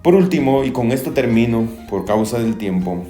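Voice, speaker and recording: A man preaching a sermon as pastor, slow and emphatic, rising to loud cries when he quotes. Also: medium pitch, animated, roomy sound, soft background music.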